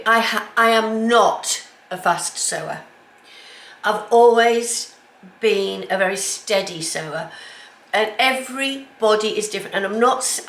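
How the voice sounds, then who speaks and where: Her medium-pitched voice has a slightly bright quality, even though she's clearly congested with a cold. Rambling casually with many ums, the woman films her sewing vlog in an echoey home kitchen where faint noise lingers in the background.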